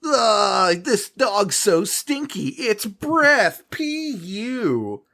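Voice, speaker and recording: A whiny villain's minion put on by a man, high-pitched and full of disgust. The delivery is exaggerated, tabletop game style. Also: big pitch swings, very slow, gravelly, pushed and bright, exaggerated voice. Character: disgusted male minion whining about a smelly dog.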